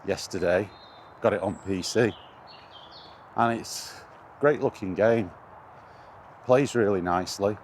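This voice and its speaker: With his fairly low, slightly mellow voice, a man rambles through a casual vlog about video games, his hobby. He sounds hesitant and conversational with a wry exasperation, and the outdoor background noise is clearly audible.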